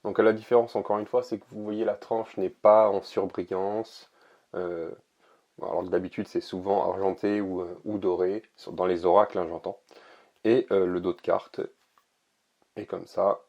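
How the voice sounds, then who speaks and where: A man casually showing an oracle card deck, talking in a relaxed, hesitant way with many pauses and fillers. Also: deep voice, muffled recording. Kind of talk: casual product presentation to camera.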